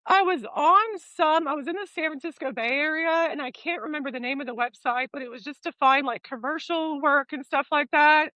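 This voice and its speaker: A woman guest in an interview, speaking in a high voice with an easygoing, relaxed way of telling her stories. She laughs along readily, and the sound is dry with no room echo. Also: a little fast, hardly any pauses. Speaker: guest actress. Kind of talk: casual interview chat.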